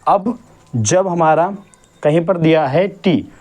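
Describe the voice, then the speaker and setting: A male English teacher giving a classroom lesson, asking questions and repeating each point slowly. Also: a little high, darkish tone. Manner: drills word sounds syllable by syllable.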